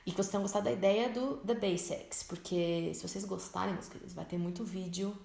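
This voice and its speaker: A young Brazilian woman with a Brazilian Portuguese accent, teaching English in a chatty, expressive vlog style and slowing down to spell words out. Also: mid-range voice, gravelly. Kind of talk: casual vlog-style lesson. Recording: echoey room.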